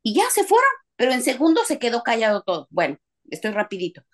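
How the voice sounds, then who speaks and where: A woman telling a lively story to her church group, laughing and trailing off as she goes. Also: fairly high pitch, fast talker. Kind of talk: casual storytelling testimony.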